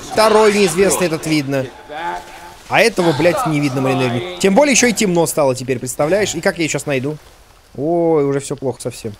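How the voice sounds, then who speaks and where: A man's voice: on the high side, animated, fairly quick. A man commentating his game playthrough, agitated and swearing, with frustrated outbursts. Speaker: let's play host. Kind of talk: gameplay commentary.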